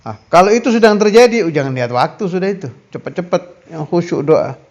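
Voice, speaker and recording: A man's voice: high-pitched, animated, fairly quick, a little mellow, lo-fi sound. A man preaching a sermon, earnest and emphatic, weaving in Arabic recitations. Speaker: Islamic preacher. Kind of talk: sermon teaching.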